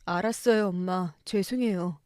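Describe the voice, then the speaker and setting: A woman's voice: lowish voice, normal speed, darkish tone, no room sound, studio quality, pitched below the performer's own voice, natural voice. A woman doing a resentful grown son. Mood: cold. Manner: cold, curt, sarcastic politeness. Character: young adult son, resentful but polite. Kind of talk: story radio drama reading.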